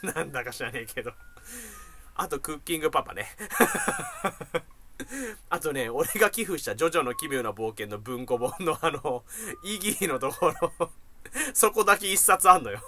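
Brief: male streamer, casual storyteller, rough and jokey, very lively intonation, slightly high voice. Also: moderate pace, a little hiss or hum. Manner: rough, joking, animated, laughs a lot. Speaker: live streamer.

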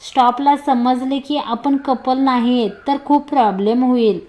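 A woman's voice: sits high, fairly even intonation, a little slow, a little mellow. A woman voicing a playful, confident young man who teases and jokes as he talks. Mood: teasing. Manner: teasing, joking.

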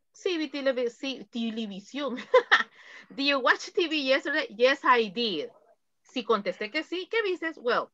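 A woman's voice: on the high side, sharp tone, no echo, highs cut off. Woman, English teacher, patient explaining, dry close sound. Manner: patient, explains slowly, repeats examples. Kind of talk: online class instruction.

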